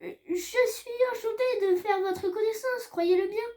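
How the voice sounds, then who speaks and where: An uneasy young boy wizard, as a woman reads his lines, polite and hesitant. He speaks in a high, gentle voice, apologizing as he goes. A storybook hero, not pushed far from the reader's own voice. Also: unhurried. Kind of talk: audiobook reading.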